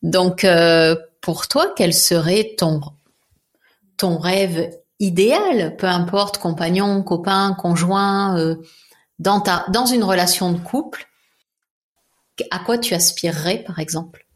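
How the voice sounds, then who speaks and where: A woman hosting a podcast, asking her guest gentle, probing questions. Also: on the low side, slow pace. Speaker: podcast host. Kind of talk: interviewing a guest.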